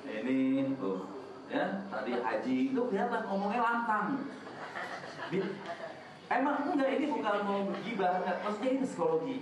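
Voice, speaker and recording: High-voiced preacher in an echoey room. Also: male voice, sing-song, moderate pace, background noise. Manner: joking, asks the audience questions. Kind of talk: casual religious lecture. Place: prayer room. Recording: echoey room from a distant mic.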